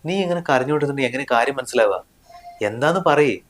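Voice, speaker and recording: A man's voice: medium pitch, expressive, quick pace, fairly bright tone, natural voice. Firm young husband, played by a man. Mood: reassuring. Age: young adult. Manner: firm, indignant, reassuring. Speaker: husband and son. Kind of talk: family short film acting.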